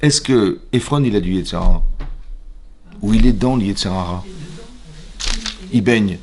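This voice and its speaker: A man, a rabbi, leads a Torah class in a synagogue. He talks in a lively way, checks often that his listeners follow, and acts out the voices in the stories he tells. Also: lowish voice, unhurried, slight background noise. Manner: lively, asks the audience questions; acts out quoted dialogue.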